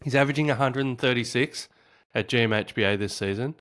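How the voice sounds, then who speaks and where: A man's voice: medium pitch, fast talker, a bit bright. An Australian man hosting a fantasy football channel, talking casually and chattily to his viewers, laughing at himself now and then. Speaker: fantasy football podcast host. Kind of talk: solo casual commentary to camera.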